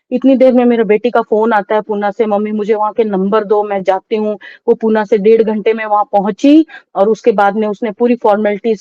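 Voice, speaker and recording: A middle-aged woman recounting a painful loss as an interview guest, in a halting, sorrowful way with many restarts. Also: fairly high pitch, warm tone, no room sound, dull audio. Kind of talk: emotional personal testimony.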